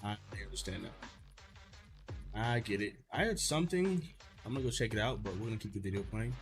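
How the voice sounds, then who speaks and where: A man's voice: on the low side, fairly quick, over music. A man commenting casually on a video he is reacting to, musing aloud to his viewers. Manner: relaxed, musing, talks to the viewers.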